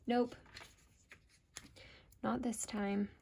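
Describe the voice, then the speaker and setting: A woman's voice: on the high side, little pitch movement, drawn-out words, gravelly, dark tone, husky. A woman with an American accent chatting casually and informally in a rambling, self-deprecating plan-with-me vlog, often trailing off mid-thought. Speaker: planner vlogger.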